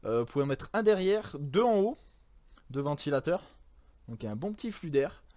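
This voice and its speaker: A man's voice: a little high, brisk, no room sound, studio quality. Casual French-speaking man, rambling. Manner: relaxed, rambling, many fillers and self-corrections. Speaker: YouTuber presenting a PC build. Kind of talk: casual chat.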